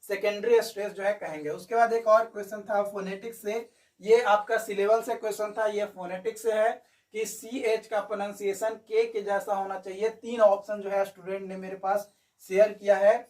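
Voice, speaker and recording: A man's voice: high voice, steady tone, moderate pace, a little mellow, far from the mic. A male coaching teacher going through exam answers in a chatty video lesson, repeating his key points.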